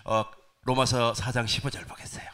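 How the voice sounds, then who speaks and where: A male pastor preaching a sermon to his congregation, animated, asking them questions. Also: medium pitch, brisk. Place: church sanctuary.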